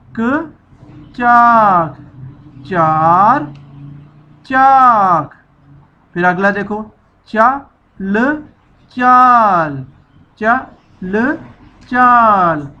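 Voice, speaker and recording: A woman's voice: mid-range voice, highs cut off. A woman teacher giving a children's reading lesson, stretching out syllables and repeating each sound for the children to echo.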